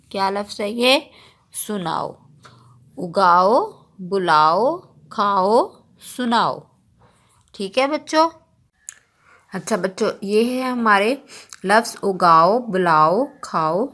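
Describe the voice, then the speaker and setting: A woman's voice: medium pitch, fairly bright tone. A woman teacher giving an online lesson to young children. She spells each word out letter by letter and checks in with the class again and again. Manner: patient, repeats words and checks in often with children.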